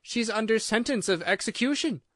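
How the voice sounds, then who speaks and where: Male narrator doing storybook rabbit, timid, high hushed thin voice, nervous, anxious, close dry sound. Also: expressive, no room sound. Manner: nervous, hurried, frightened.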